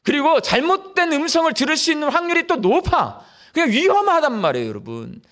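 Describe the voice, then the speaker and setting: A middle-aged pastor preaches at a live church service in a strikingly high, bright voice that rises and falls dramatically. Very animated and brisk, he addresses the congregation directly and fires off rhetorical questions.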